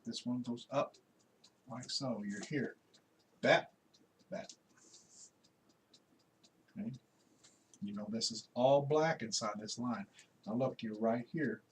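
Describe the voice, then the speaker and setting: A man's voice: medium pitch, slow, pauses often. Man talking through a drawing lesson. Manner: relaxed, instructive, talks while working with frequent pointing words. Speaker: art instructor. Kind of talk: drawing tutorial walkthrough.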